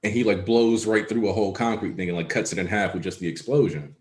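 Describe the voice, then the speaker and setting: A man's voice: on the low side, quick pace. A man co-hosting a casual chat, talking in a rambling way with many fillers. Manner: rambling, many likes and ums. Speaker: podcast co-host.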